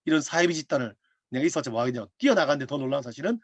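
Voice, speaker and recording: A man's voice: mid-range voice, rapid-fire, slightly rough, no echo. A male pastor preaching a sermon as a personal testimony, telling the story with laughter and acting out what people said. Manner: animated storytelling with laughs and acted-out quotes. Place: online prayer meeting over video call.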